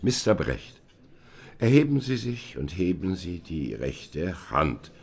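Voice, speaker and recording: A man's voice: low voice, very animated, slow, gravelly, darkish tone, breathy edge, heavily acted. An actor playing a stern, formal committee chairman who reads a statement and swears in witnesses in a radio play. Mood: officious. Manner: formal, emphatic, officious. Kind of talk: radio play reenacting a hearing.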